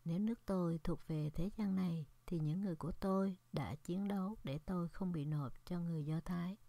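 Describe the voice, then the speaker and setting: A woman reading the part of a calm male teacher answering his judge in a Scripture reading, steady and unhurried. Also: lowish voice, no echo.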